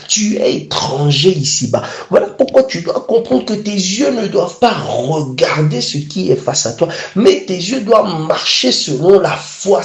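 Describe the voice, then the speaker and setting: A man preaching a sermon, emphatic and repeatedly calling his listeners beloved. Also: a little high. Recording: echoey room.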